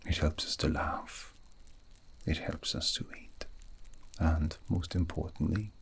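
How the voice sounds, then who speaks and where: In an ASMR roleplay, a man portrays a gentle, wistful fantasy mage lulling a weary friend to sleep. His low, breathy whisper is formal and poetic, slow-paced, soothing and tender, delivered in a full character voice.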